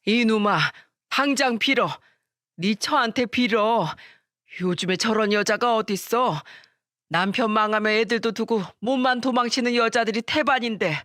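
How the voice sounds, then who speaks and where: A woman's voice: medium pitch, dry recording, studio quality, close to an everyday voice. A woman voicing a fierce, tearful older mother-in-law in a storybook radio drama, raising and stretching her words as she scolds.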